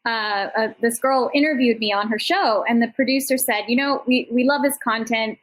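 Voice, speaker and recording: A middle-aged woman with a slightly high voice hosts a panel at an online summit, where she is also the founder. Informal, conversational, and encouraging, she rambles effusively between personal anecdotes and motivational appeals at a normal speed. The recording is low quality.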